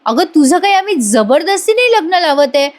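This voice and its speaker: A woman's voice: very high voice, very animated, fairly quick, pitched above the performer's own voice. A woman voicing a sly young wife who coaxes and mocks. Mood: mocking.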